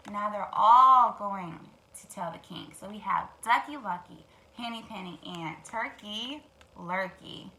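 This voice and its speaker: A woman teacher with a medium-pitched voice reads at a measured pace for storytime, expressive throughout and adding asides directly to young listeners. It's a rough recording with clear background noise.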